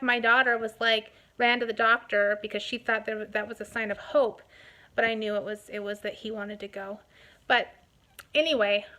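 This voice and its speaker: A woman telling an emotional personal testimony in an earnest, halting way, full of restarts and fillers. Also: on the high side, sharp tone. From United States. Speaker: host sharing a personal testimony.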